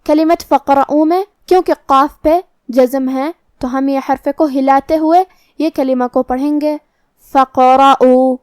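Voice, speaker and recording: High-voiced woman teaching Quran recitation rules. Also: fairly even intonation, a little mellow, dry recording, clean studio sound. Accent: Pakistani Urdu. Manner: explains each rule methodically, then recites the word slowly. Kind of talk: step-by-step tajweed lesson.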